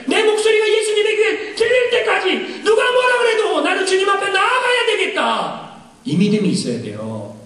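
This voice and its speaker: High, lively preacher in an echoey church. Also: male voice. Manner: animated preaching with rhetorical questions to the congregation; bursts into shouted quotes of scripture. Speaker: pastor. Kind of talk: sermon. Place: church sanctuary. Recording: echoey church hall, mic at a distance.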